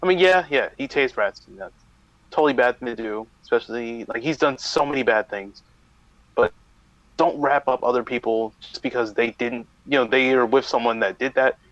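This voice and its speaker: Measured man on a dull lo-fi mic. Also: medium pitch, fairly bright tone, dry recording. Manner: measured, opinionated, hesitant restarts. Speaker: podcast co-host. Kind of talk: casual chat.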